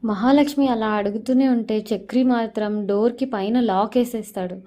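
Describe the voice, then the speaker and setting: A woman's voice: a little high, steady tone, moderate pace, mellow. A woman narrating a TV serial episode in a flowing storytelling manner.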